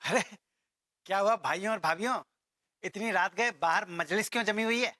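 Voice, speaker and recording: A man's voice: high voice, normal speed, noisy background, natural voice. An actor playing an odd, cocky man who chases off a witch, talking in a theatrical, bossy way. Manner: theatrical, bossy, peculiar catchphrases. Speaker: eccentric neighbour in a TV sitcom. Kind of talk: sitcom acting.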